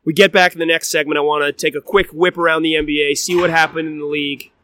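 A man hosting a basketball podcast, talking in a chatty, self-deprecating way with animated emphasis, and reading an ad. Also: on the high side, fast talker. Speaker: podcast host. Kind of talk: sports podcast commentary and ad read.

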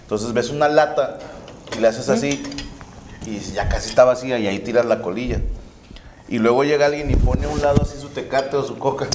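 A man's voice: medium pitch, brisk, a little mellow, a little hiss or hum. A man with a Mexican accent, co-hosting a casual comedic chat and joking through stories full of slang. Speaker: podcast co-host.

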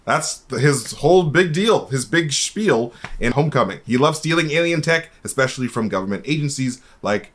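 Male co-host, casual chat, animated pitch, laughs a lot, riffs jokes. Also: moderate pace, hardly any pauses. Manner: jokey, laughs often, lively delivery. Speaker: podcast co-host.

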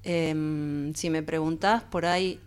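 A woman with a porteño Buenos Aires accent talks in a loose, rambling way, guest on a studio radio show. Her voice sits fairly low and sounds smooth and clear. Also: steady tone, takes it slowly. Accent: Buenos Aires Spanish. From Argentina, raised partly in Peru. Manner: chatty, rambling, frequent "viste" tags. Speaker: singer guest. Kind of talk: casual interview chat.

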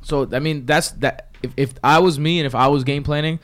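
A man's voice: a little high, steady tone, brisk, fairly bright tone. A man giving casual sports analysis as a podcast panelist, with emphatic, slangy frat-bro phrasing and some swearing.

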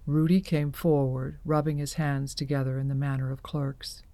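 A woman narrating an audio drama in a measured storytelling manner. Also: a bass voice, little pitch movement, mellow, no room sound.

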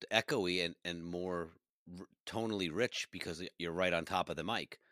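Male podcast co-host, lowish dry voice, teasing and encouraging. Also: moderate pace, pushed and bright, no echo. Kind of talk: casual chat.

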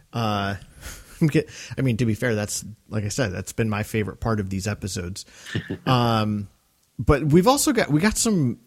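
A man hosting a podcast in casual chat, relaxed and easygoing, with many fillers. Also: medium pitch. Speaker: podcast host.

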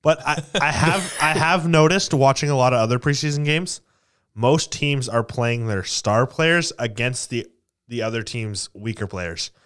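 A man in casual hockey chat who restarts his sentences before making his point. He chimes in with quick reactions. His voice sits mid-pitch. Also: fairly bright tone, clear, resonant tone. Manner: repeats his openings, short reactions. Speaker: podcast co-host.

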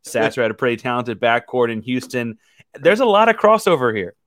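Guy chatting sports on a podcast, medium pitch, dry sound, kinda rambly and casual. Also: big pitch swings, a little fast, a bit bright, no echo. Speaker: podcast guest, sports commentator.

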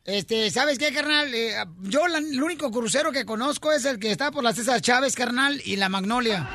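High-voiced joking radio host. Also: male voice, moderate pace, heavy background noise. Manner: playful, joking, calls out teammates for jokes. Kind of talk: lively radio morning show banter. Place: radio studio. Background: music.

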